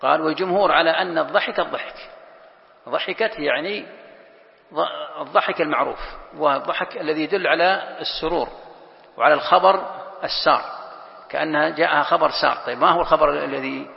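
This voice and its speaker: Sheikh explaining a text line by line, gravelly voice, slightly high pitch, muffled lo-fi recording. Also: male voice. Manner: explains line by line, drawn-out emphatic quotes, asks students questions. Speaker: sheikh teaching Quran exegesis. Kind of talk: classroom lesson explaining a text. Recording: muffled lo-fi recording in a reverberant hall.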